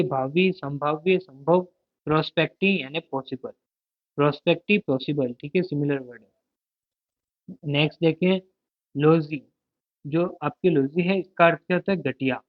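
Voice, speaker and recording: A man's voice: a little high, no echo. A man teaching a vocabulary lesson, asking a question and then answering it himself, repeating each word several times. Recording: tinny, dry, phone-like sound.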